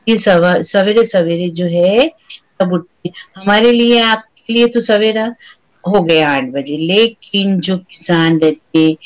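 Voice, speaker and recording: A woman's voice: fairly low pitch, low-quality recording. A woman teaching young children a rhyme, reciting it in a sing-song way and imitating the sounds of trains, birds and animals.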